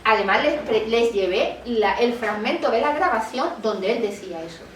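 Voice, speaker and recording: A woman's voice: on the high side, lively intonation, normal speed, slight background noise. A woman lawyer gives a talk at a public colloquium. She tells a case as a story and acts out the quoted dialogue. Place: meeting room. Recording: roomy, distant mic with faint ambience.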